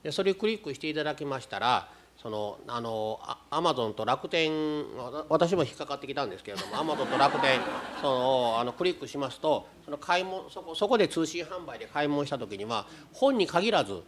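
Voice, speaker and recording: A man's voice: medium pitch, animated, fairly quick, a little hiss or hum. A man moderating an audience question session, speaking with many hesitant fillers. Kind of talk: chairing a Q&A.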